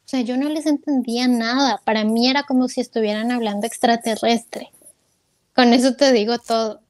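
Speaking at a moderate pace with fairly even intonation, she has a voice on the high side with a darkish tone, captured in a dry recording. As an interview guest she's candid, leans on lots of fillers, and retells events by voicing her own self-talk.

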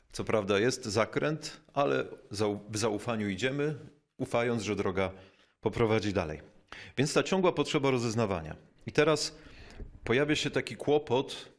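A man with a fairly low voice gives a reflective spiritual talk. He is thoughtful and unhurried, pausing often and dropping in small fillers, and slows down to stress the key words. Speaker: bishop giving a spiritual talk. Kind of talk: reflective spoken teaching.

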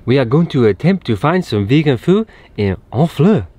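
A man's voice: mid-range voice, very animated, normal speed, mellow, slightly rough. A British man vlogging casually outdoors in a small town, laid-back and often laughing. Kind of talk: casual travel vlog chat.

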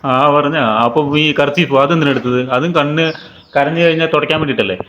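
A man's voice: a little high, fairly quick, fairly bright tone. A man from Kerala, a father vlogging at home and playfully quizzing his small child. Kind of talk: casual family vlog. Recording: roomy, dull, noisy home recording.

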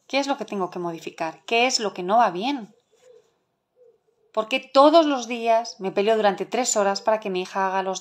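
A middle-aged woman with a Spain Spanish accent teaching a live online masterclass for parents. She talks in an earnest, emphatic way and asks many rhetorical questions. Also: a little high. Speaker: parenting educator.

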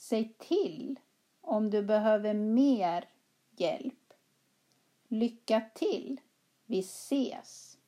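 A woman teaching a language class, reading both parts of a practice dialogue slowly and clearly with careful articulation. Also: fairly high pitch, animated, dark tone. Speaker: Swedish teacher.

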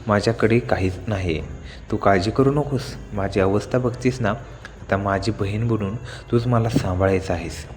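A man voicing a kind, lonely young village wife in a horror story, speaking in a warm, pleading way. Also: fairly low pitch, normal speed, long reverb tail, close to an everyday voice.

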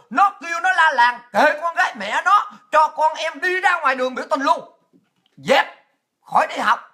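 A woman's voice: on the high side, bright, forceful tone, husky. A woman with a Southern Vietnamese accent giving an angry, profane political rant. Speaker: political commentator.

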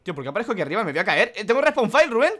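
An excitable young man narrates his gameplay with swearing and loud outbursts. His voice sits high and leaps around in pitch. He talks fast and sounds bright and tense. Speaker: gaming YouTuber.

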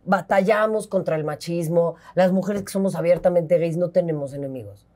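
A woman's voice: fairly low pitch, a little fast, a crowd in the background. A woman with a Mexican accent, a football analyst speaking frankly and animatedly in a casual interview, swearing casually.

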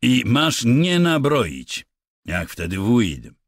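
A man voicing a weary, gruff ranch worker who talks bluntly in rough slang, plainly exasperated. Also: medium pitch, huge pitch swings, takes it slowly, dry recording, clean studio sound, voice pushed up, exaggerated voice. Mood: stern.

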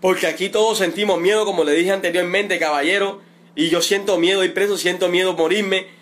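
A man's voice: high voice, steady tone, fairly bright tone. A middle-aged Cuban man, a father of a detained protester, making an emotional, indignant and repetitive appeal in a livestream. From Cuba. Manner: pleading, indignant, repetitive, drawn-out emphasis.

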